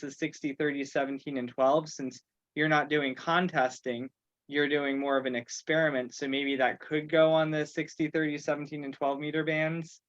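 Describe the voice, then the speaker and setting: A man with a slightly high voice hosts and organizes a casual online meeting, speaking haltingly as he works through his thoughts aloud. The video-call audio is muffled, dry, and a little dull, with no room sound.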